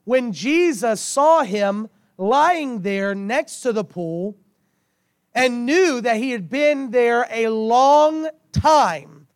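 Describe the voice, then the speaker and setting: A man preaching and praying to a congregation in a hoarse, failing voice, with drawn-out, emphatic phrasing and repetition. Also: very high voice, no room sound, studio quality. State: hoarse, losing his voice while recovering from illness. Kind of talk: sermon and prayer to a congregation. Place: speaking to a congregation through a sound system with monitor.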